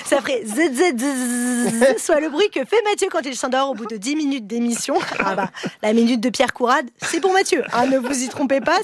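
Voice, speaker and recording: A woman from Lorraine, France, delivering a scripted comic radio column with mocking, self-deprecating punchlines. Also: high voice.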